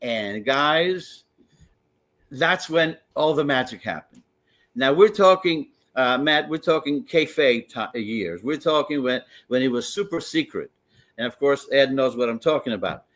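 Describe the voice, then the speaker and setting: An older man from Greece, a wrestling commissioner, has a medium-pitched, slightly bright voice with lively intonation and a measured pace. Eager as a guest in a casual sports talk radio interview, he tells stories with many restarts.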